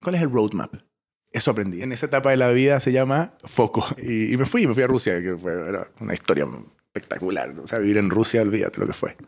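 Fast-talking and on the low side, this Chilean man in his forties, a startup founder, guests on an interview full of lively stories. He shifts between loud outbursts and quiet asides as he speaks.

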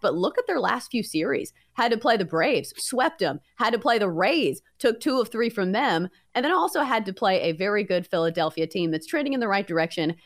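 A woman co-hosting a sports betting show, pitching her picks like a confident tipster.

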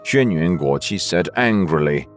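Male narrator, deep and slow, lively intonation, soft music bed. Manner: slow, expressive reading. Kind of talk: storytelling narration.

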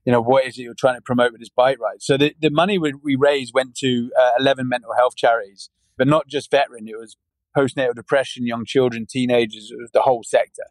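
A man's voice: mid-range voice, steady tone, fast, no echo, rough recording. A British man in his forties, a guest chatting casually in an interview, rambling with many restarts and fillers. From United Kingdom. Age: 40s. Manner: rambling, many restarts, frequent "yeah" and "you know". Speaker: podcast guest.

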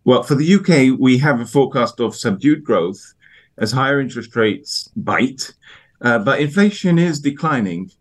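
A man answering broadcast interview questions on economics as an expert guest, in a halting, hesitant manner with repeated words. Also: mid-range voice, lively intonation. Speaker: economist guest, IMF research division head.

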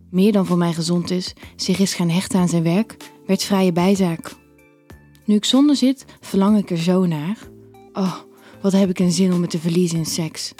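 A woman reading a first-person story aloud in an intimate, unhurried way. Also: lowish voice, warm tone, breathy edge. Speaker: narrator. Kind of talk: scripted story narration.

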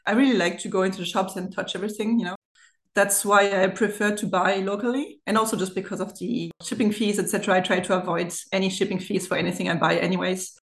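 A German woman in her thirties with a German accent chats casually as a podcast guest, giggling often as she talks. Her medium-pitched voice is fast with fairly even intonation, and the remote recording sounds roomy and echoey.

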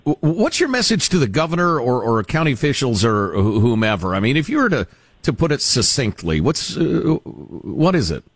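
A man co-hosting a talk radio show, asking questions in a halting way with restarts. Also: mid-range voice, very animated, no room sound. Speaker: radio co-host.

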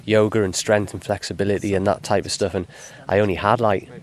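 This is a man with a low voice, a cyclist being interviewed. He talks in a modest, easygoing way. His answers wander, full of "you know" and "like.". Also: brisk. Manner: modest, relaxed, rambling with fillers like "you know".

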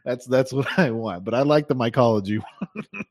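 A man's voice: medium pitch, expressive, normal speed, no room sound, studio quality. A man co-hosting a gaming podcast in casual chat, rambling and laughing often mid-sentence. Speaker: podcast co-host.

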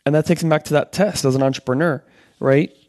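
A Venezuelan man in his thirties hosts a solo motivational podcast, offering earnest coaching in a rambling way full of ums, fillers and restarts. His voice is on the high side, darkish, steady in tone, and he talks fast.

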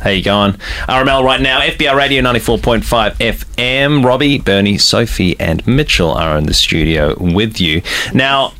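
A man's voice: on the low side, normal speed, sharp tone. An Australian man hosting a radio show with chatty, informal studio banter. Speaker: radio host.

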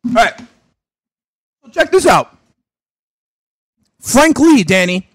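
A man's voice: high voice, creaky, no room sound. A young man hosting a fantasy sports radio show, chatting casually and animatedly while opening gifts. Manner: animated, exclaiming, talks with mouth full.

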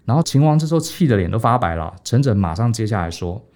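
A podcast host retells an old story in a casual, animated way. His voice is lowish and warm, with a lively, swooping pitch. He keeps tagging his sentences with a little "ha". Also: quick pace. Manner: animated, peppers speech with 哈.

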